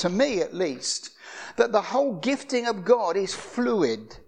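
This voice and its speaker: An older man giving a sermon as a guest preacher, telling stories in a conversational way with frequent restarts. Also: sits high. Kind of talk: anecdotal sermon.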